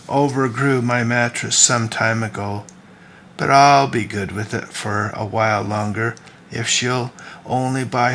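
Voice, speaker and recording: A man's voice: medium pitch, bright, forceful tone, slight background noise. A man reading the part of a dutiful young churchgoer who teases with dry sarcasm, in a storybook reading.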